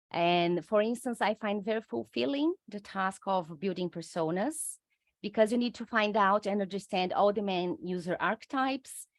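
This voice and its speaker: Speaking English with a Brazilian accent, this middle-aged UX researcher, a native speaker of Portuguese, responds to an interviewer's questions with measured care and many pauses of hesitation. Her pitch is medium, and the recording has no room sound.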